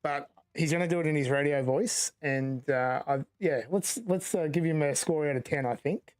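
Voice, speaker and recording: A man's voice: on the high side, moderate pace, no echo, clean studio sound. A man hosting a casual online chat show, eager and stumbling over restarts. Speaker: host.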